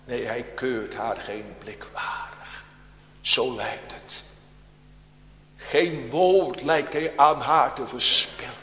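A man preaching a sermon in a solemn, deliberate way, with dramatic pauses, swinging between loud emphatic calls and hushed near-whispers. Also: mid-range voice. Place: church. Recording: long church reverb.

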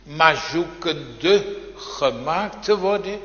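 Man, preacher, slow deliberate sermon, slightly high voice, dull echoey church recording. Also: animated, a bit bright. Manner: slow, solemn preaching with fervent rising appeals. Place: church hall. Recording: dull, roomy church recording with long reverb.

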